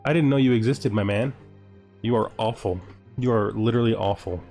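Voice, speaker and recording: A gaming video host speaks fairly quickly in a fairly low, creaky voice with a dark tone. He offers casual, jokey let's-play commentary on a strategy game, musing aloud and questioning himself, with background music throughout.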